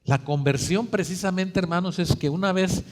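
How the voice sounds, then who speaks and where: High-voiced preacher in a reverberant church. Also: male voice, moderate pace. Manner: dramatic, asks the congregation rhetorical questions, swings between soft and loud. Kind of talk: sermon. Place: church sanctuary.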